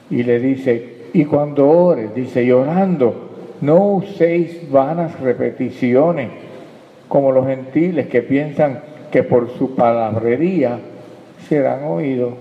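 A man preaching a sermon, calling for amens and dropping into hushed prayer. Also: medium pitch, slow, pauses often. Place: church hall. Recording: echoey hall, dull lo-fi sound.

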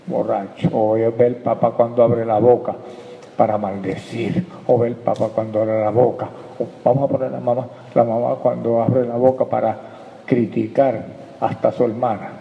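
A man preaching a sermon, calling for amens and dropping into hushed prayer. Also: mid-range voice, little pitch movement, moderate pace, creaky, slight background noise. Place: church hall. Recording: echoey hall, dull lo-fi sound.

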